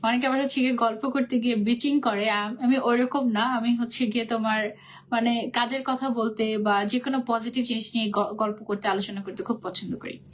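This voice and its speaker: A young woman with a high, bright voice hosts a casual live stream, talking through her phone without a separate microphone. She chats freely with her viewers and reads their comments aloud. English words slip into her everyday talk. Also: fairly even intonation, a little fast. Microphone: phone, no external mic.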